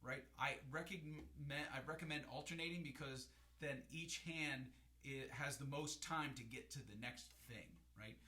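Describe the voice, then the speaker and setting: A man's voice: medium pitch, normal speed. A man teaching a hand-drum class in a casual, explaining way, often checking in with "right?". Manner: shouts drum strokes and counts over playing. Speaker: music teacher. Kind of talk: hand-drum lesson with spoken counting. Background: hand drums playing.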